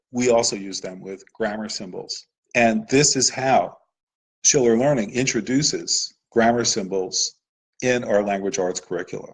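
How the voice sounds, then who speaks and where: Husky-voiced man presenting a webinar. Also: mid-range voice, rough recording. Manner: patient explanatory, with filler "uh"s. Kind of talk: live webinar lesson over slides.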